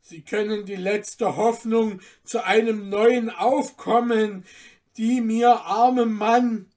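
A woman voicing a poor male knife-smith father who begs loudly, in a storybook reading. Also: fairly high pitch, steady tone, slow, pitched above the performer's own voice. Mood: pleading. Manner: pleading, loud.

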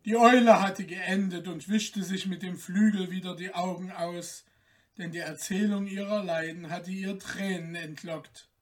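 A narrator reading a fairy tale audiobook in a slow, measured way. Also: mid-range voice, steady tone, far from the mic.

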